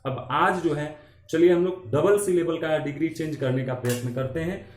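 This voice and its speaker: A man teaching an English grammar lesson in Hindi, explaining slowly and repeating key terms. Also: fairly high pitch, a little hiss or hum. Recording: echoey room.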